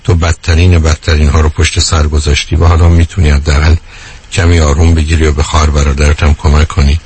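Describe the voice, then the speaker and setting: A middle-aged radio host with a very deep, flat voice speaks gently and reassuringly to a caller. A faint hiss sits under the studio mic. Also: male voice. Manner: gentle, reassuring, affectionate address. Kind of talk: live radio call-in talk.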